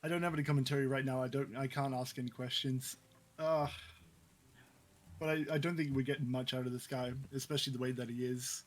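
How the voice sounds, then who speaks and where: A plainspoken man playing a tabletop game, with a medium-pitched voice. He speaks casually and decisively. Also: fairly even intonation, fairly quick. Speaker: player.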